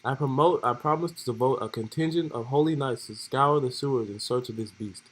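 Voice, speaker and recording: A man's voice: mid-range voice, a little fast, slightly rough, natural voice, poor audio. A man putting on a stiff mock-British candidate. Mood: declaiming. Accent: put-on British. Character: earnest debate candidate, posh mock-British speech.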